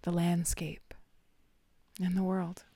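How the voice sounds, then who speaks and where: A woman leads a guided meditation in a hushed, half-whispered voice, lingering through long pauses. Her tone is low and mellow and stays almost level from phrase to phrase. The sound is close and dry, with no room around it. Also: level tone, creaky, husky, no room sound.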